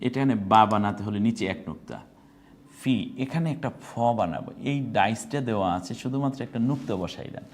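A man's voice: fairly low pitch, darkish tone. A man teaching Quran reading, patiently naming letters and their dots one by one. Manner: chanted recitation, slow and drawn out. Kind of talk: step-by-step lesson on Arabic letters.

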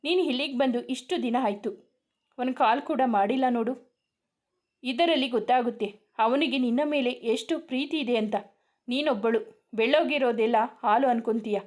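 A woman voicing a scheming young man who talks smoothly and persuasively in an audio story. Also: fairly high pitch, normal speed, a little mellow, close to an everyday voice. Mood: coaxing.

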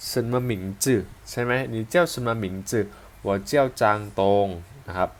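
A man's voice: medium pitch, fairly quick, clear, resonant tone. A man with a Thai accent teaching a language lesson, patiently repeating and breaking down example sentences.

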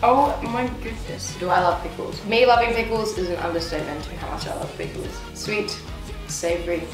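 A woman's voice: on the low side, moderate pace. A woman in her twenties, hungover, chatting casually and playfully in slang with bursts of exclamation while she eats on camera. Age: 20s. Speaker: singer-songwriter discussing own song. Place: indoor studio set with backdrop. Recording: echoey room, music behind.

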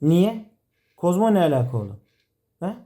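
A man's voice: high voice, sing-song, normal speed, mellow. A man directing a comedy sketch, teasing and exasperated, laughing often. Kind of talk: playful directing banter.

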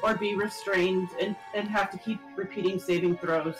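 A woman's voice: medium pitch, steady tone, moderate pace, music in the background. A woman playing a tabletop game, describing her moves casually and hesitantly as she thinks aloud. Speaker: player.

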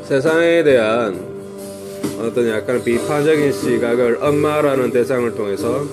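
A middle-aged man teaching English through a pop song, slowly reading lyric lines and explaining the grammar. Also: mid-range voice, music in the background.

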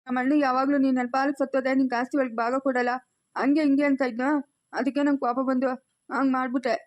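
Villain role: woman voicing a defiant, threatening uncle with a high voice and rapid-fire delivery in a home-made family drama. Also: level tone, natural voice. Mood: sullen. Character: scheming middle-aged village man, murderous uncle. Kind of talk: amateur family drama acting.

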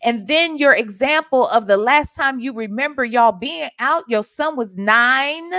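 Her voice sitting high and unhurried, a forties-aged Ohio woman with a Southern accent reacts to a played call on video. She records in a small home room using a webcam and desk mic, her casual remarks sassy, animated, and emphatic.

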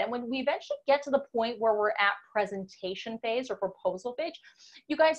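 A woman giving a sales training webinar in a chatty, animated manner, often acting out quick quoted exchanges between buyer and seller. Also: a little high, lo-fi sound. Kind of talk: webinar presentation. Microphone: computer mic on a video webinar.

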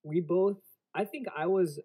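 A man hosting a podcast who talks in a relaxed, hesitant way with many fillers. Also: high-pitched, measured pace, husky. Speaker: podcast host. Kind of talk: casual podcast chat.

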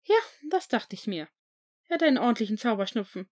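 A woman voicing a strict older female school healer in an audiobook, brisk and stern. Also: a little high, sing-song, darkish tone.

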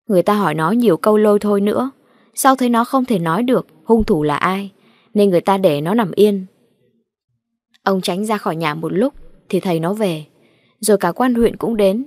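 A woman narrating a ghost story with a slow, measured, dramatic reading. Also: medium pitch, darkish tone, dry recording, studio quality.

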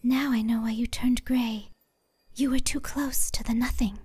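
A woman voicing a serene, childlike, otherworldly empress in a fantasy audiobook, speaking in a gentle, measured, breathy whisper. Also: on the high side, steady tone. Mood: gentle, knowing. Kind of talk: fantasy audiobook character dialogue.

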